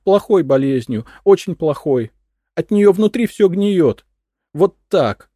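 Brief: a shrill, paranoid housewife, very high and frantic, for an audiobook. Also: female voice, animated, slow, dark tone, slightly rough, dry recording, clean studio sound, heavily acted. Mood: shrill, unhinged. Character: hysterical paranoid housewife, shrieking and unhinged.

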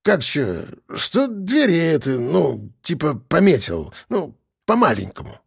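A man voicing a hungover, whiny drunk man suspected of murder, with a raspy, slurred voice. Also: on the high side, huge pitch swings, a little slow, full character voice.

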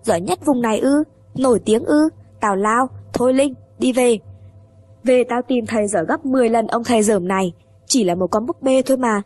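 A brash, quick-tempered woman scolds and mocks, as an audiobook reader puts her on. Her voice is high and a little husky. The recording is dry. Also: no room sound. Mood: scornful. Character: sharp-tongued angry aunt, woman. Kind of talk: audiobook reading.

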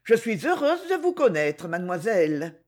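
A wealthy older aristocratic lady, voiced by a woman reading a novel aloud, speaks with polite, faintly condescending formality. Her voice sits higher than the reader's own and moves with lively rises and falls. A breathy, husky edge runs through it. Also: moderate pace. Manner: banal, slightly condescending politeness.

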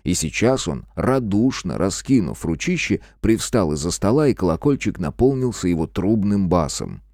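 A man narrates a first-person audiobook in a low voice that is wry and expressive. His pitch moves in lively swings, and the sound is dry and close to the mic. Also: normal speed, no room sound.

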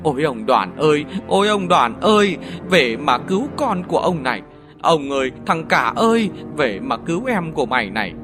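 A man's voice: fairly high pitch, very animated, moderate pace, over music. A man voicing a grief-stricken old village mother, keening and lamenting. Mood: wailing.

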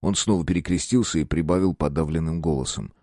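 A man reading a first-person story aloud with measured, steady storytelling. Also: rumbling low, dry recording, studio quality. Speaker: audiobook narrator. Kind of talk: first-person scripted narration.

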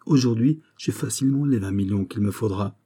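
A man reading the part of a calm, cunning bishop who speaks with smooth assurance. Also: fairly low pitch, a little fast. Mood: assured. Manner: smooth, assured, quietly persuasive. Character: cunning calm older male bishop schemer. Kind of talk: audiobook character reading.

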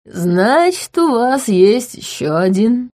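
A woman's voice: fairly high pitch, sing-song, takes it slowly, a little mellow, voice pushed up. A woman voicing a drunk, arrogant young crown prince with a mocking, slurred drawl.

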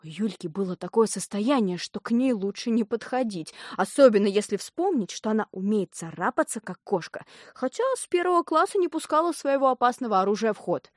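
Expressive woman reading a storybook. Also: medium pitch, a little fast, few pauses, no echo, studio quality. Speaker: narrator. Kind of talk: audiobook narration.

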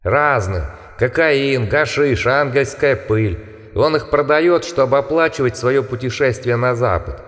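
A man's voice: mid-range voice, unhurried, in a large hall, pitched above the performer's own voice, lightly acted. A man voicing a taunting monstrous creature. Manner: taunting, shouting. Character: sneering monstrous creature posing as a schoolboy. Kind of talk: audiobook character voice.

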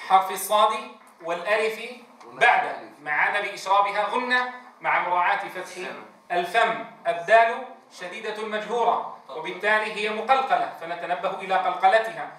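A man's voice: high-pitched, sharp tone. Quran teacher, man, drills letter sounds; distant mic, echoey room, faint hiss. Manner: drawn-out demonstrations of letter sounds, asks the class questions. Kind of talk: tajweed lesson with call-and-response drills.

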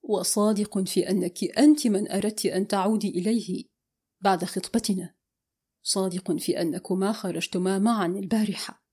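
A woman reading a calm, guarded young man's lines in an audiobook novel, in a low, even, controlled voice. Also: moderate pace, slightly rough, natural voice. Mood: cool, measured. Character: calm, guarded young man, quietly bitter.

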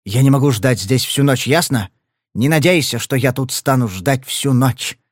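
A man doing a gruff, menacing brawler. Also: mid-range voice, normal speed, no echo, studio quality, lightly acted. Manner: growling, blunt. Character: thuggish, scarred male brawler, blunt and menacing.

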